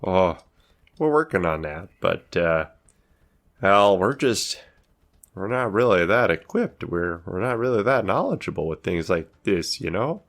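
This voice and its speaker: A man's voice: sits low, very animated, measured pace, full character voice. A man voicing an older city guard investigator in a tabletop game, folksy, squeamish and hesitant, repeating himself apologetically.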